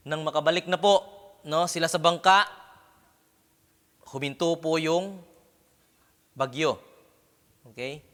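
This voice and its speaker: Male pastor, sermon, crisp and bright, slightly high, asks "Amen?" constantly, long church-hall reverb. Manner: punctuates phrases with questioning "Amen?" and "No?"; mixes English words into his preaching.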